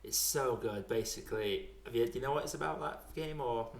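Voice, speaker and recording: In an echoey, roomy recording with a bit of hiss or hum, a man with a gravelly, medium-pitched voice talks fairly quickly about video games. He's a podcast speaker with a casual, colloquial, self-deprecating style.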